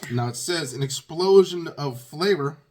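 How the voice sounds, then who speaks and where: A man with a husky voice hosting a casual taste-test review, exclaiming often and talking straight to his viewers. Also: on the high side, lively intonation, measured pace, darkish tone, a little hiss or hum. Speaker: video host.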